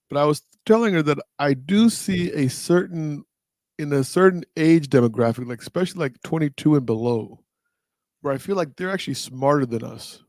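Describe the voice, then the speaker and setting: A man's voice: mid-range voice, a little mellow, no room sound. Man, podcast host, teasing, playful, video call, dry close sound. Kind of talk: casual podcast chat.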